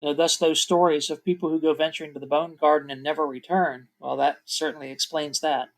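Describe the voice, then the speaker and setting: A woman's voice: deep voice, fairly even intonation, fairly quick. A woman narrating as game master in a casual, chatty way, laughing often and restarting her sentences now and then.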